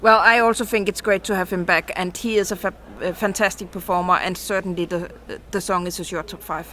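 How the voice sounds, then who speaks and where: A woman's voice: lowish voice, steady tone, brisk, sharp tone, a little hiss or hum. A woman giving earnest opinions on a panel discussion.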